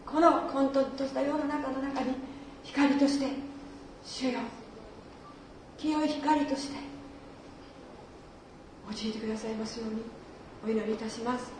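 A woman leading a congregational prayer in slow, reverent, halting phrases. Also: sits high, steady tone, a little mellow, a little hiss or hum. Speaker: prayer leader. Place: church worship hall. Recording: distant, very echoey church hall.

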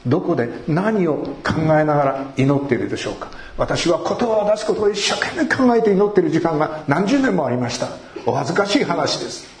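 A man's voice: gravelly, slight background noise. Man preaching in an echoey room. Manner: conversational preaching with rhetorical questions, sudden rises in pitch. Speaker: pastor. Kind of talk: sermon.

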